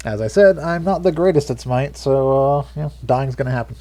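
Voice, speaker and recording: A man giving casual, hesitant gameplay commentary as a streamer, low-key and self-deprecating. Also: brisk, dark tone. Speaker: game streamer. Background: game music and effects.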